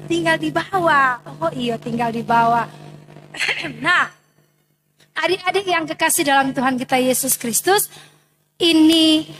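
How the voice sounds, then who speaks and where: Woman, Manado Malay accent, Sunday school teacher; high, slow, question-and-answer storytelling for kids. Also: fairly bright tone. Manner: call-and-response questions to children, answers herself. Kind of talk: Bible storytelling for children.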